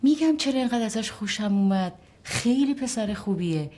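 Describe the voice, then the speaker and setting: A woman's voice: fairly high pitch, expressive, dark tone, lightly acted. Casting: a woman as a fussy, chatty mother who exclaims a lot. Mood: eager.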